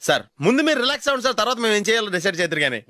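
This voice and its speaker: A crafty driver pleads and sweet-talks the other motorist. His voice is bright and high, and he talks very fast. The recording is dry, with faint music behind. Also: big pitch swings, no room sound, exaggerated voice. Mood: pleading. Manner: pleading, smooth-talking. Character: wily male driver placating then tricking. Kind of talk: film comedy scene.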